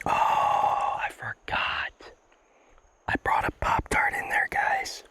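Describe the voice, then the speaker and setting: Whispered ASMR vlog, soft unvoiced whisper, casual chatty hiker, mouth full of food, outdoors, action camera mic. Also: slow, no room sound. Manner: casual, chatty, addresses viewers as guys; talks while chewing food. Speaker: ASMR hiking vlogger. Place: outdoors on a mountain hiking trail.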